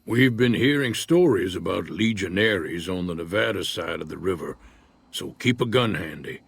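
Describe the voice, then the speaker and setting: A husky old prospector, slow and folksy. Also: male voice, sits low, expressive, dry recording, exaggerated voice. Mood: easygoing. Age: older. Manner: unhurried, folksy drawl. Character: weathered old male prospector, laid-back and wary. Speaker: retired prospector in a frontier town. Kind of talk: video game dialogue.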